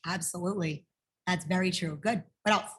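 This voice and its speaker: A woman's voice: lowish voice, brisk. A woman martial arts instructor teaching a kids' life-skills workshop over a video call, upbeat and encouraging as she asks the class questions.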